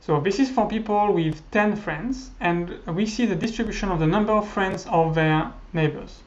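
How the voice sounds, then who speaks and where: Speaking at a moderate pace in a high voice, a thirty-something man whose first language is French presents a recorded university lecture with slides. He is hesitant, restarting frequently and filling gaps with fillers, and the lo-fi recording sounds slightly dull.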